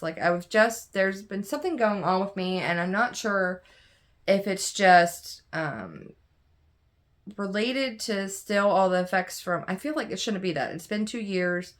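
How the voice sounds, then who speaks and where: A woman's voice: medium pitch, lively intonation, a little slow, a bit bright. A young adult woman chatting casually and candidly to camera as a craft vlogger, tired and yawning, rambling with many fillers and restarts. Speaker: cross stitch vlogger.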